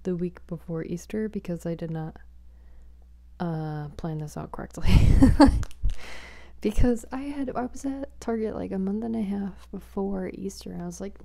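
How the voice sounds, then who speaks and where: A woman chatting softly for ASMR on a small close microphone, rambling, whispery and giggly. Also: mid-range voice, moderate pace, gravelly. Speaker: ASMR creator. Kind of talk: soft-spoken ASMR chatting.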